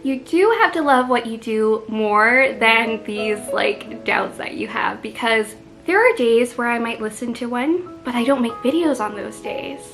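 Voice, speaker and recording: A woman's voice: on the high side, expressive, measured pace, hardly any pauses, a bit bright, rough recording. Chatty Canadian woman vlogging, music behind. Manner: chatty, self-deprecating, lots of "like". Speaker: book vlogger. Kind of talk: casual chat to camera.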